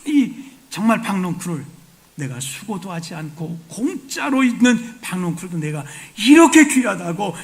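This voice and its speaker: A man voicing God as he gently reproves a sulking prophet, with questioning and pleading speech. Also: very high voice, voice pushed up, heavily acted.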